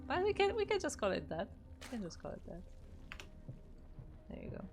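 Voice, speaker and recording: Over music, a Polish esports caster with a Polish accent covers a live game tournament in a high voice whose pitch swoops wildly, speaking briskly. She keeps things chatty, reads out the chat and restarts her sentences a lot.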